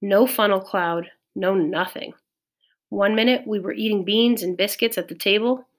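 A woman reading a children's novel aloud in a measured, clear storytelling voice. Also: mid-range voice. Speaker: audiobook reader. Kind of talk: scripted narration of a children's novel.

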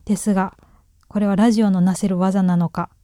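A woman with a Kansai accent talks alone into a microphone like a little radio show. Her voice is mellow and fairly level, and she sounds shy and a bit nervous as she cracks self-deprecating jokes. The recording is close and dry. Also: medium pitch, steady tone, fairly quick, no echo. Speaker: solo radio host. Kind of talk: casual solo radio talk. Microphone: talking alone into a microphone.

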